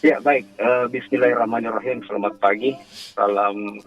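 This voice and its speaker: A man on a phone call into a live radio interview, speaking formally and pausing often with fillers. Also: medium pitch, steady tone, no room sound. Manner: formal, pauses with frequent fillers. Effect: heard over a phone line. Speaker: interview guest. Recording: muffled phone-line audio.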